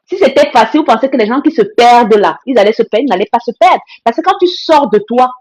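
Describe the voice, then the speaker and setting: A woman with a slightly high voice, hosting a casual live stream. She speaks bluntly and forcefully, hammering her points home by repeating phrases, and breaks off now and then to greet viewers reading her comments. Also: animated, fast talker. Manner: blunt, emphatic, repetitive phrasing.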